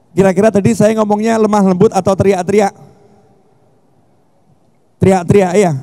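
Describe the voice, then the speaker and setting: A middle-aged man preaching a sermon at a festival, telling stories with jokes and shouting for emphasis. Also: sits high. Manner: animated, joking storytelling with shouted emphasis. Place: large hall at a religious festival. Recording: long hall reverb.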